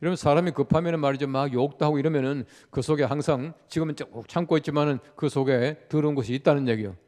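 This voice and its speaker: With a fairly high, darkish-toned voice, an older pastor from the Gyeongsang region speaks fast during a dawn prayer service sermon. He preaches conversationally in a large sanctuary, relying on stories and rhetorical questions. Long church hall reverb colors the recording.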